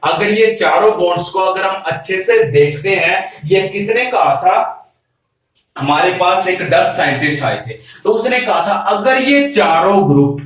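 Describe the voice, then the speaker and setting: A man teaching a chemistry class, who keeps asking rhetorical questions, answers them himself and calls his students "beta". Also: high-pitched. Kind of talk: classroom lecture. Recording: very echoey room, mic far off.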